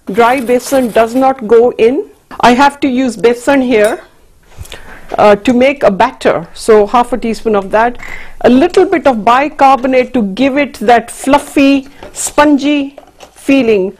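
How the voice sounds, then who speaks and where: Higher-pitched woman presenting cookery. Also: darkish tone. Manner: instructional, mixing in Hindi and Punjabi phrases. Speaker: TV cooking show host. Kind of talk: live cooking demonstration. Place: indoor TV studio kitchen.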